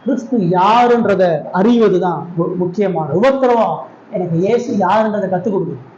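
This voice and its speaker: A man's voice: high-pitched, normal speed, darkish tone, roomy sound, muffled recording, slight background noise. A man preaching a sermon as pastor, speaking earnestly with repeated rising refrains.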